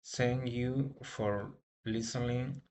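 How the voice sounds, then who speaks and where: Very slow, halting Peruvian man. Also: mid-range voice, fairly even intonation, darkish tone. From Peru. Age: 30s. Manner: halting, restarts cut-off words. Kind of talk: read self-introduction for an English class.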